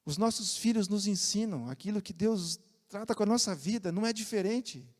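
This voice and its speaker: A Brazilian man preaches a sermon with a high, light voice. He swings between ringing emphasis and hushed, conversational asides. The sound carries a long reverb from a church hall. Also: brisk. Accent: Brazilian Portuguese. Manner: animated preaching, shifting from loud emphasis to soft asides. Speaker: pastor. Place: church sanctuary.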